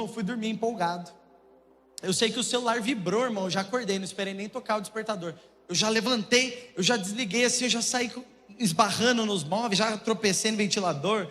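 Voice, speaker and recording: A man with a Brazilian Portuguese accent tells funny stories from the pulpit in a high, rapid voice. His words ring out through a long church hall reverb. A faint hiss sits under the sound. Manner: jokey, animated storytelling to a congregation. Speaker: preacher. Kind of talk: humorous sermon storytelling. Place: church auditorium.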